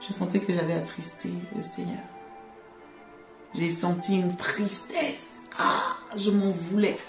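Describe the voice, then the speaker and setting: A woman giving a conversational faith testimony, animated, laughing often and repeating words. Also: lowish voice, unhurried. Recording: echoey room with faint music.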